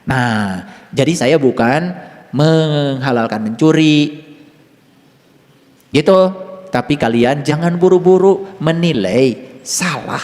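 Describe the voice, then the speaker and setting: A middle-aged man with a Sundanese accent giving a spiritual teaching, swinging between soft, mumbled asides and loud, emphatic lines, often chuckling through his anecdotes. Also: on the high side, slow pace, long pauses. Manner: chuckles while talking, anecdotal. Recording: long hall reverb.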